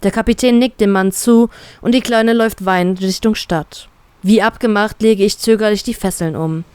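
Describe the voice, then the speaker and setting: A woman calmly reading a first-person fanfiction story aloud. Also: medium pitch, moderate pace, smooth. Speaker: fanfiction reader.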